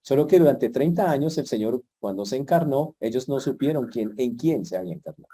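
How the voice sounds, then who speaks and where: Dark-voiced male preacher. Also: mid-range voice, lively intonation, a little fast, breathy edge. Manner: conversational preaching with playful asides. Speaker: pastor. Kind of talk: sermon.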